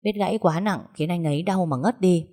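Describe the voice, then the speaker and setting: A matter-of-fact hospital doctor, read by a woman storyteller explaining an injury. The delivery is brisk and instructive, in a lowish voice. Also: warm tone.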